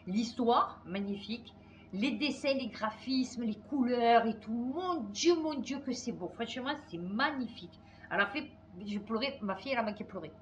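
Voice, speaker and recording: A middle-aged woman hosting her channel, chatting to viewers in a fast, excitable way with many fillers. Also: a little high, muffled recording, a little hiss or hum. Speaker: channel host. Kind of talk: casual chat to viewers.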